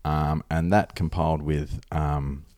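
An Australian man talks casually as a podcast co-host, with a blunt, sweary way of putting things. His voice is deep, recorded dry with no room sound. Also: flat delivery, takes it slowly, a little mellow, no room sound. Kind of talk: casual conversational storytelling.

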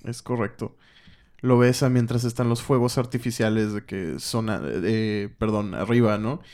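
A man's voice: on the low side, moderate pace. A man, co-hosting a casual podcast and animatedly retelling a comic plot. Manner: animated retelling, acting out lines. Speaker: podcast co-host. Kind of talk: casual comic recap chat.

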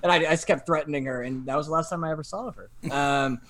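A man's voice: fairly high pitch, fast. Young man telling a rambling story. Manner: animated, lots of fillers and restarts. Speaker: podcast guest telling a story. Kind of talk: casual chat, storytelling.

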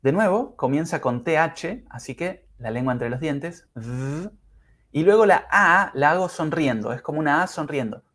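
A man teaching English pronunciation in a podcast lesson, speaking carefully and demonstrating sounds slowly. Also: a little high, animated, fairly bright tone. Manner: slow, careful, exaggerated pronunciation drills.

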